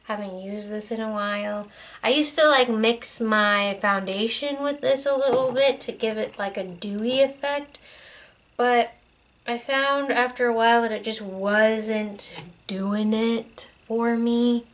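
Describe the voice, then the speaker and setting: A young woman talks through her makeup routine in a loose, chatty vlog style, full of "like"s and small tangents. Her voice sits a little high and she takes her time between words. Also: unhurried. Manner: chatty and rambling, many "like"s. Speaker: beauty vlogger. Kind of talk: casual makeup vlog chat.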